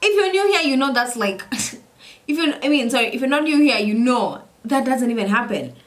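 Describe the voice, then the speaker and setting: A young woman telling a story in a casual chat while doing her makeup, animated and repetitive, slipping in Swahili words. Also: fairly high pitch, normal speed. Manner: animated, repeats phrases, mixes in Swahili words. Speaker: vlogger.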